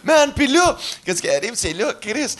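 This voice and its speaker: A man with a Quebec French accent telling a story in a casual chat, animated and laughing, swearing often. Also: very high-pitched, normal speed. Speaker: podcast guest.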